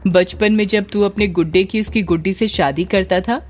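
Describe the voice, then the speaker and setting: A woman voicing a gentle, kindly older aunt who soothes and coaxes the family in a spoken story. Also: mid-range voice, fairly even intonation, normal speed, close to an everyday voice. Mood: gentle coaxing. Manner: coaxing, gentle.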